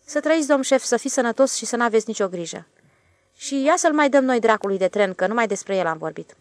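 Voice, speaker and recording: A woman's voice: a little high, animated, no echo, pitched above the performer's own voice, close to an everyday voice. A woman voicing a talkative, deferential male railway switchman in an audiobook, speaking eagerly. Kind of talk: audiobook character voice.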